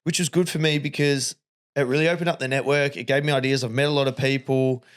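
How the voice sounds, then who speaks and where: A man's voice: mid-range voice, fairly even intonation, quick pace, clear, resonant tone. A young man from Melbourne with an Australian accent, hosting a podcast in casual, slangy, rambling chat. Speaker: podcast host.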